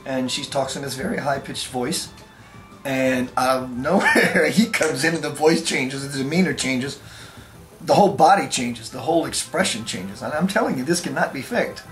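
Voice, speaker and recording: A man's voice: medium pitch, normal speed, fairly bright tone, echoey room, faint music behind. A man earnestly telling a first-person story, with emphatic conviction.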